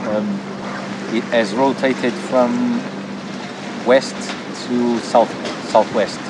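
A man in his thirties talking casually to the camera beside his small sailboat on a sandy beach, chatty and relaxed, with pauses and fillers. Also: medium pitch. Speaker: sailing vlogger. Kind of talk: casual vlog talk to camera. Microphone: action camera close by. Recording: wind-battered outdoor camera audio. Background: loud wind and open-air beach noise.

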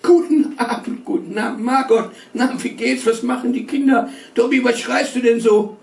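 A man's voice: extremely high pitch, moderate pace, voice pushed up. A man voicing a jovial, chatty uncle who greets the family. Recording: roomy stage sound from far.

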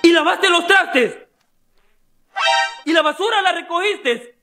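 A man's voice: extremely high pitch, animated, slow, over loud music, full character voice. A man voicing a scolding, melodramatic mother who nags, in a short comedy skit. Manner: nagging, melodramatic.

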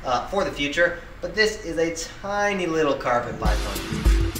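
Filmed from a distance outdoors, an enthusiastic young reptile keeper shows off animals beside his open car on a dirt lot for his channel. His slightly high voice swings widely in pitch at a moderate pace, peppered with "uh." Music runs beneath the roomy, far-off audio.

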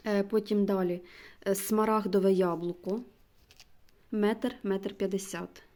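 A woman vlogger in casual show-and-tell chat, slowly reading out names and sometimes dropping to a near-whisper. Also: medium pitch, steady tone, mellow. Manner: chatty, slow, reads out names one by one; drops to a near-whisper when reading labels. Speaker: gardening vlogger.

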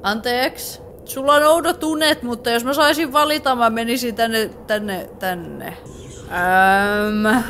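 Finnish woman gamer, fairly high voice, jumpy horror let's play commentary, chatty. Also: fairly bright tone, a little hiss or hum. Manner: jumpy, startled exclamations, chatty asides. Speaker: gaming YouTuber.

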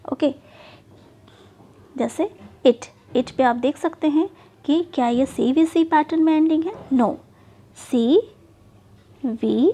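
A woman's voice: high voice, mellow. A woman teaching spelling rules step by step, checking in often with "okay". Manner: explains slowly with repeated "okay" and "theek hai" checks. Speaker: English teacher. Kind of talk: spoken lesson mixing Hindi and English.

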